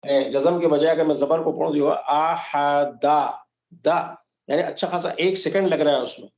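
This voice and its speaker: A man teaching a Quran recitation class, patiently explaining rules step by step and slowly modeling the sounds. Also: fairly high pitch, steady tone, a little mellow. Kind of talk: online tajweed class. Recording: dull lo-fi roomy audio.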